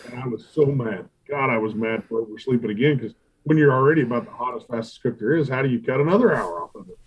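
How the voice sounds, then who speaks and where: A middle-aged man, a barbecue pitmaster telling stories in a casual interview, animated and profane, acting out what he and others said. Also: mid-range voice, fast, a little hiss or hum, rough recording. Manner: animated, profane, quotes himself and others in acted asides. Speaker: competition barbecue pitmaster and restaurant owner.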